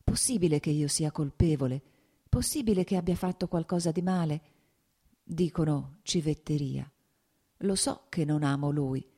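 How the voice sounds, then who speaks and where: A woman voicing Kitty, a gentle, torn young woman, in a classic novel audiobook reading with soft, measured lines. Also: deep voice, breathy edge.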